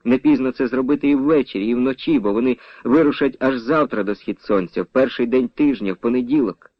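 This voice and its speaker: A man's voice: mid-range voice, no echo. Man reading a novel on old radio. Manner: measured, expressive reading. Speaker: narrator. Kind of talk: scripted literary narration. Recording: dull, dry old radio recording.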